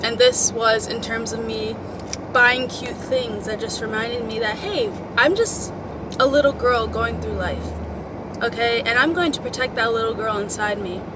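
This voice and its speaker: A woman's voice: fairly high pitch, measured pace, heavy background noise. A young woman chatting casually to her followers, giving motivational advice in an emphatic, girlfriend-to-girlfriend way. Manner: chatty, emphatic girl-talk with swearing and pet names. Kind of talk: casual motivational chat to the audience.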